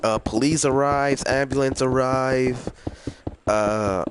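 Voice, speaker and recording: A man's voice: mid-range voice, fairly even intonation, slow pace, slight background noise. A man telling a long personal story in a casual, rambling way, full of fillers and slang. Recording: clear music behind the voice. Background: music.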